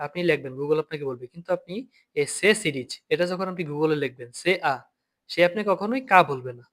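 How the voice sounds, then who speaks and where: Higher-pitched man teaching German spellings. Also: brisk, a bit bright. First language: Bengali. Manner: explains patiently, repeats letters and words, checks with "ঠিক আছে?". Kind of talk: online language lesson.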